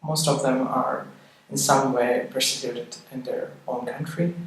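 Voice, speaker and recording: A man speaking in an interview as a festival organiser, hesitant and pausing on fillers. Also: medium pitch, steady tone. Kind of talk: interview commentary. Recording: very echoey room, mic far off.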